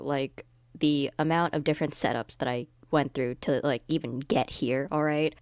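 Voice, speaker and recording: A woman talking in a monotone, rambling and self-deprecating way in a casual vlog. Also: low voice, smooth, no room sound. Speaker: video creator.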